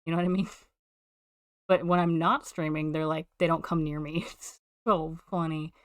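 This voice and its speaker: Young woman streamer, low voice, dry close sound, swears a lot, chatting with chat. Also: level tone, normal speed, clean tone, dry recording. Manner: casual, swears a lot, chats with viewers. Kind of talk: casual live-stream chat while drawing. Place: home room. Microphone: desk microphone.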